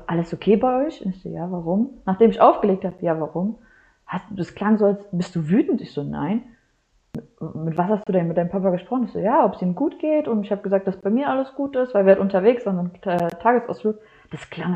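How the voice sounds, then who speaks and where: Young woman telling lively stories, lo-fi. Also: mid-range voice. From Germany, Croatian family. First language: Croatian heritage speaker. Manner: animated storyteller, laughs often, acts out quotes. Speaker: guest. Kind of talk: casual anecdote telling. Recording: slightly dull lo-fi audio.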